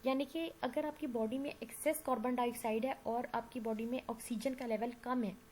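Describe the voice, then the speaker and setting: Her voice is a little high, darkish and fairly even, and she talks a little fast despite a sore throat. She's giving a recorded anatomy lecture, explaining patiently, sprinkling in English medical terms and checking in with "theek hai." The recording is rough, with faint background noise.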